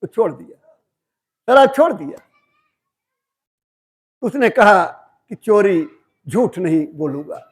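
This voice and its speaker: A man's voice: high-pitched, big pitch swings, slow pace, pauses often, husky. A man giving a devotional sermon, telling folksy parables in a colloquial way and acting out the dialogue. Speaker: satsang speaker.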